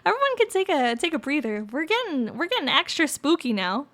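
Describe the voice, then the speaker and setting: A woman's voice: sits high, very animated, brisk, a bit bright. A woman with a cute anime-streamer delivery, hosting a livestream of spooky story reading and chat. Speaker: livestream host.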